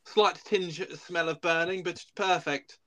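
A man's voice: sits high, steady tone, unhurried, a bit bright. A man, a guest co-host in casual podcast chat, sarcastic and swearing a lot.

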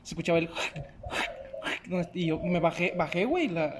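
A young man with a Mexican Spanish accent, telling a story in casual, slangy talk and acting out the shouts and quotes. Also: on the high side, animated, moderate pace, noisy background.

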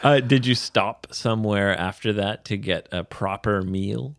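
A man's voice: lowish voice, slow pace, a bit bright, no echo, studio quality. A man from Canada co-hosting a podcast in casual chat, easygoing and encouraging, fond of idioms. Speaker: podcast co-host.

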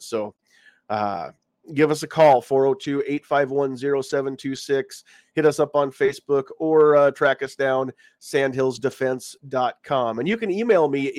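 A mid-range male voice comes through in clean studio sound, free of room sound. He's a podcast host chatting casually on a live stream, congested as he recovers from a cold and speaking around a lozenge.

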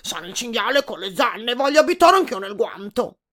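Woman doing a pushy boar w tusks, weird voice, loud-ish. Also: fairly high pitch, very animated, a little fast, voice pushed up. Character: pushy tusked wild boar, male.

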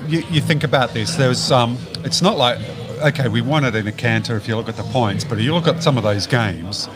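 A man's voice: medium pitch, brisk, a crowd in the background. A man on a podcast panel, talking casually about football.

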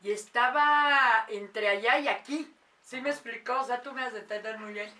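Bright-voiced woman telling a story. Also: a little high, moderate pace, far from the mic. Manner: animated, acts out quoted voices. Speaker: mother telling a paranormal story. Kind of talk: casual storytelling.

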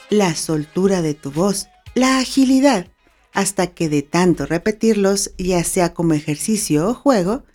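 A woman's voice: medium pitch, mellow. A woman hosting her own podcast, talking in a cheerful, playful, chatty way. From Mexico. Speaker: podcast host. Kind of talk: solo podcast monologue.

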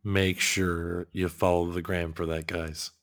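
A man's voice: low-pitched, level tone, measured pace, fairly bright tone. A man co-hosting a podcast, joking at his own expense and laughing often in easy chat. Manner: self-deprecating, laughing, joking. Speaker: podcast co-host.

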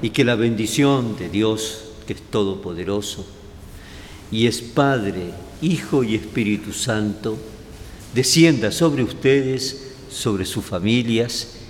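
A cathedral echo with long reverb and clear background noise surrounds a man leading solemn prayer. He speaks slowly at a medium pitch, pausing between short phrases as he gives blessings. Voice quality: echoing cathedral sound. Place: large cathedral, indoors.

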